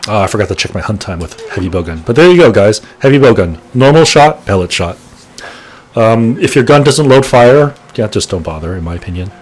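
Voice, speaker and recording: A man's voice: on the low side, animated, brisk. A man in his late thirties chatting casually as he plays, rambling and correcting himself as he goes. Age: late 30s. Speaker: gaming channel host. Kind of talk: casual gameplay commentary.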